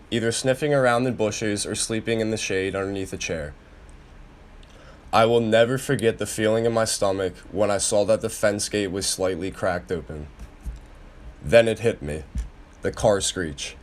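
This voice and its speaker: A young man with a fairly low voice reads his own memoir aloud for a class podcast. His delivery is steady and earnest, and his voice drops and softens as each sentence winds down. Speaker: student reading a personal memoir. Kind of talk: read-aloud personal narrative.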